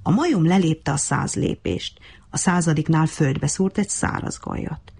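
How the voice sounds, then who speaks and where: A woman reading a children's animal story aloud in an expressive, lively way. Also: low-pitched, creaky, slightly rough. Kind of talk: storybook narration.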